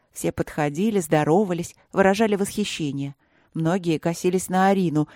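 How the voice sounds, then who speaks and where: A woman reads a novel aloud with steady, even storytelling. Her voice sits a little low, and the recording is close and dry. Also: dry recording. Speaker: audiobook narrator. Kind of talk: audiobook reading.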